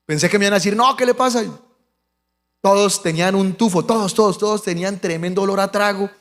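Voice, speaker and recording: A man's voice: sits high, fast. A male pastor with a Colombian accent, telling a personal story in a sermon, acting out the voices of the people in it. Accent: Colombian Spanish. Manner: animated storytelling, acts out quoted voices. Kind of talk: sermon testimony. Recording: long hall reverb.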